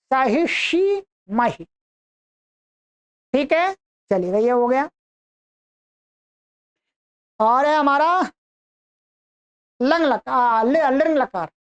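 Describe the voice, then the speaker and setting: A woman teaching a language class, reciting verb forms one by one in a slow, deliberate chant for students to repeat. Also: high voice. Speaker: Sanskrit teacher. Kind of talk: reciting verb conjugations in a lesson.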